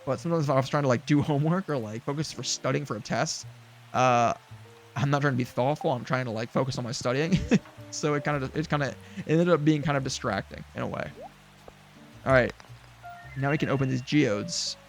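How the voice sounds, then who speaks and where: A man's voice: mid-range voice, a little fast, creaky, soft background music. A man streaming a farming game, chatting casually with lots of fillers and restarts. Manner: rambling, many fillers and restarts, chuckles. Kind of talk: casual gameplay chat.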